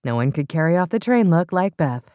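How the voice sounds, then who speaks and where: A woman narrating an audiobook in an expressive, smooth storytelling manner. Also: fairly low pitch, a little fast, no room sound, studio quality.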